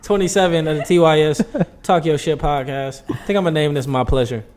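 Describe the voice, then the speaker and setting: A man's voice: a little high, quick pace, darkish tone, a little hiss or hum. Laid-back male podcast co-host. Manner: laid-back, blunt, joking. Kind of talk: casual chat.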